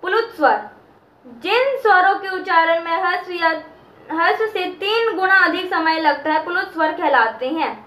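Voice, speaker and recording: Teacher, female, very high bright voice, slow and patient delivery, echoey room. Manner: repeats key terms and draws out chanted sounds. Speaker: Sanskrit teacher. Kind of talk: slow explanatory lesson.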